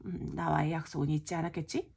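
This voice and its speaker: A woman's voice: sits low, level tone, quick pace, gravelly, a little mellow, breathy edge, exaggerated voice. A woman voicing a stern, gloating old witch in a children's storybook reading.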